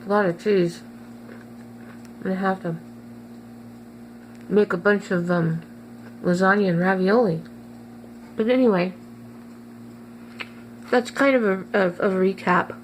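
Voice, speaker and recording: A woman hosts a casual home-kitchen vlog, her voice sitting in an ordinary middle pitch. She talks in a chatty, halting way full of small fillers. A faint hum runs under the recording. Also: steady tone. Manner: chatty, hesitant with many fillers, tastes food while talking. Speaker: cooking vlogger.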